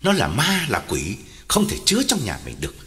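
A man's voice: medium pitch, wildly swooping pitch, fairly quick, pushed and bright. A man voicing a hard, stern man in a ghost story, talking firm and curt. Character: hard, stern man set on expelling a child. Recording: long hall reverb, music underneath.

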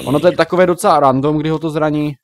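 A young man giving casual, chatty commentary while showing a game, now and then reacting loudly to in-game creatures. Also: on the high side, fairly even intonation, noisy background. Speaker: Minecraft YouTuber.

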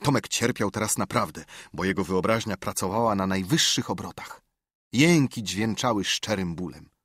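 A man reading an audiobook as narrator, expressive in his storytelling, on a studio microphone. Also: fairly low pitch, moderate pace, husky, no room sound. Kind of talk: scripted narration.

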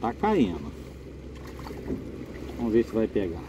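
A man's voice: lowish voice, huge pitch swings, takes it slowly. A middle-aged man hosting a fishing vlog from a small boat at sea, chatting casually and joking as he narrates each catch. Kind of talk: casual chat while fishing. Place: small open boat on the sea by a rocky coast, outdoors. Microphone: action camera on the boat. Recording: outdoor boat recording with wind and water noise.

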